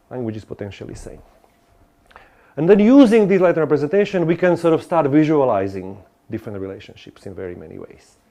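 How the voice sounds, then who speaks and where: Male lecturer, rambling delivery, frequent restarts and asides to the room, mid-range pitch. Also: mellow. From Slovakia. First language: Slovak. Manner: discursive, many restarts and asides to the audience. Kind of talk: academic lecture.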